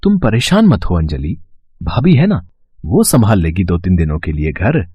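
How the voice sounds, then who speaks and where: A man voicing a calm, caring young husband in an animated story, speaking reassuringly. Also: low voice, moderate pace, slightly rough, no echo, muffled recording, heavily acted.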